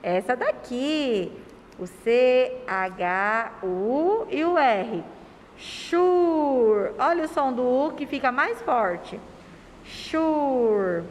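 A Brazilian woman teacher talks to young children in a slightly high, sing-song voice. She drags out syllables and keeps asking affectionate questions. The recording has a long room reverb and faint background noise. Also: animated. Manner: sing-song, stretches words and syllables slowly. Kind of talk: remote lesson for young children.

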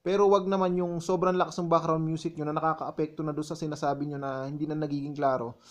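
A man's voice: a little high, little pitch movement, fast. A man giving a casual tutorial voice-over, walking viewers step by step through editing his vlog. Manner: walks viewers step by step, often calling them "mga tol". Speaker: vlogger explaining his editing.

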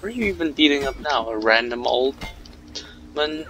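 A man's voice: medium pitch, animated, normal speed, low-quality recording. A man giving joking, sarcastic commentary while he plays a video game. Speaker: gameplay commentator. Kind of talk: let's play commentary. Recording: game sounds loud behind voice.

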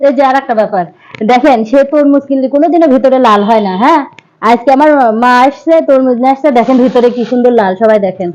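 Brisk woman on a dull phone recording. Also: high-pitched, a little mellow. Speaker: vlogger's wife. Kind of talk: casual family vlog.

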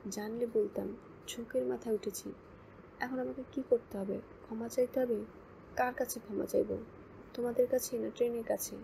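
A woman voicing a sharp-tongued teenage girl. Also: a little high, steady tone, moderate pace, creaky, pauses often, slight background noise, poor audio. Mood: snappish. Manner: sharp, snappish.

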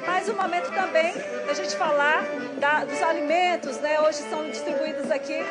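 A woman TV field reporter, chatting lively on air from an outdoor event. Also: sits high, normal speed. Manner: lively, chatty, addresses anchor often. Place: outdoor community restaurant with live forró band. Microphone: handheld TV mic, masked. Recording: loud forró music and crowd behind.

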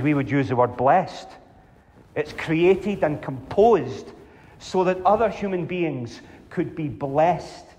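A middle-aged male pastor giving a sermon, slow and emphatic, asking the congregation rhetorical questions, recorded from the back of a church hall. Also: mid-range voice, darkish tone. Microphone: far camera at back of church. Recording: reverberant church hall from a distance.

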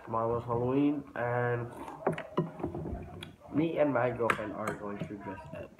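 A man's voice: mid-range voice, unhurried, highs cut off. Young man chatting while chewing, noisy clatter. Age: teenager or young adult. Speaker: mukbang vlogger. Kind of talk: casual chat over a meal. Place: home dining room, indoors. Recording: very noisy, clattering dishes and cutlery. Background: clinking dishes, pots and cutlery.

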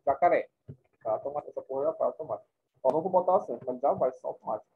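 A man's voice: mid-range voice, expressive, rapid-fire, husky. A man teaching a class, explaining points informally and often checking in with his students. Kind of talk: classroom lecture. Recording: tinny phone-like recording.

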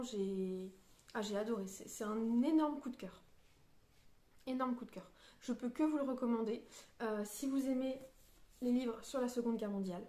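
A woman's voice: on the high side, dark tone, reverberant. A woman reviewing a novel in a casual book vlog, hesitant and searching for her words, with many fillers and restarts. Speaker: book vlogger. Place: on a beach.

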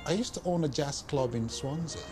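A man in his fifties telling stories in a documentary interview, relaxed, sometimes acting out other people's voices. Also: fairly high pitch, brisk, music in the background. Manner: relaxed storytelling, acts out quoted voices. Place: indoor room with art behind.

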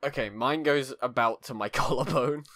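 A young man co-hosting a casual podcast, laid-back and quick to laugh. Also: mid-range voice, fairly bright tone, dry recording, clean studio sound. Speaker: podcast co-host. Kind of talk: casual chat.

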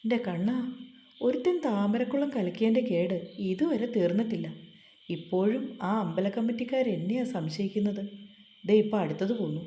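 Grumbly exasperated young guy, read by a woman, mellow voice, echoey room. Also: mid-range voice, expressive, moderate pace, close to an everyday voice. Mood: grumbling.

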